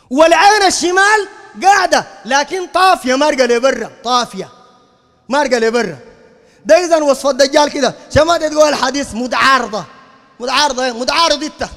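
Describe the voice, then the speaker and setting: Man, Sudanese Arabic accent, preacher, very high pitch, combative lecturing, long hall reverb. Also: a bit bright. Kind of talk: heated religious lecture.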